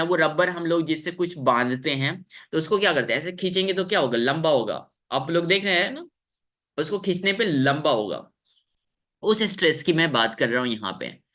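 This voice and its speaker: Lively, bright-voiced male online teacher. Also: a little high. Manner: explains patiently and keeps asking the class questions. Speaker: English teacher. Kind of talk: live online class for children.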